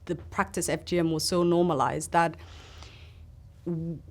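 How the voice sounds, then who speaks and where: In a sit-down interview, a Somali woman appearing as a guest shares personal testimony. Her fairly low, darkish voice holds a steady tone as she speaks earnestly and haltingly, pausing while she recalls things.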